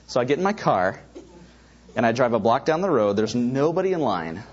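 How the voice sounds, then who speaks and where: A man's voice: mid-range voice, fairly quick, lo-fi sound. A middle-aged man preaching a sermon, telling personal stories with asides to the congregation. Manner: animated storytelling with asides to the congregation. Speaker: pastor.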